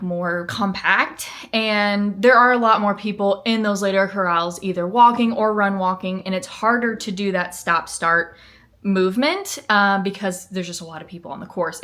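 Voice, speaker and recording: Woman doing a casual vlog, bright voice, chatty, says like a lot. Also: fairly low pitch. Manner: chatty, informal, frequent "like". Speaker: vlogger. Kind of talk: casual vlog chat to camera.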